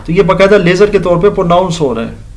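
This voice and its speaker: A man's voice: high-pitched, expressive, fast talker, darkish tone, slight background noise. A middle-aged man teaching a grammar lecture, explaining step by step, dropping English terms into his talk and addressing the class politely. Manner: explains step by step, mixing English terms into Urdu-Hindi speech; addresses listeners politely with "janab" and "ji".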